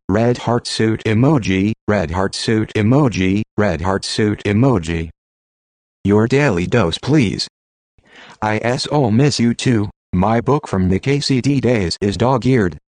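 A man's voice: on the low side, no echo. A computer-generated male voice like an old speech synthesizer, reading a script in a robotic, stilted way. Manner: flat robotic reading, stilted phrasing, emoji names read out literally. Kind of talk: scripted narration read by text-to-speech.

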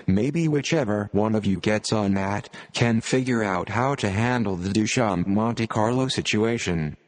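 A computer-generated male voice like an old speech synthesizer, reading scripted narration with stiff, robotic, measured phrasing. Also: on the low side, long reverb tail. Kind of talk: scripted narration, read aloud.

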